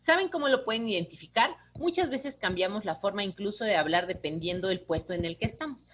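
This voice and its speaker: A woman, an instructor giving a lively online lecture, talking with her hands. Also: mid-range voice, quick pace, lo-fi sound, background noise. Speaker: course instructor.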